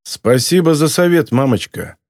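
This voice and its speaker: A man's voice: on the high side, lively intonation, moderate pace, a little mellow, no echo, clean studio sound. A man voicing a brash ex-soldier. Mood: defiant. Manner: defiant, blustering. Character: brash hot-tempered former soldier, man. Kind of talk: audiobook character voice.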